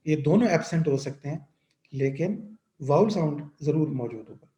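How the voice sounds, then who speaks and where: A man's voice: on the high side, animated, moderate pace, dark tone, reverberant. A man teaching linguistics. He explains each point step by step, often stops to check that the listener follows, and reads terms. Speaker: linguistics lecturer. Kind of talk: explanatory lecture mixing Hindi-Urdu and English.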